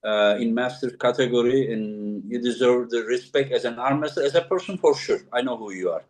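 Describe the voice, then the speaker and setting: A man's voice: medium pitch, fairly quick, rough recording. A man with a Turkish accent hosting a casual video-call chat, friendly and repeating himself as he restarts sentences. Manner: friendly, talks in repeats and restarts, laughs often. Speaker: host.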